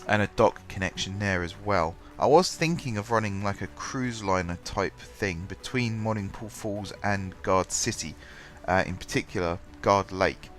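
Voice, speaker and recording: A gaming channel host narrates his gameplay sounding stuffy and congested from a cold. His fairly low voice moves at normal speed with hardly any pauses as he rambles, full of ums and self-corrections. Soft music plays quietly behind him.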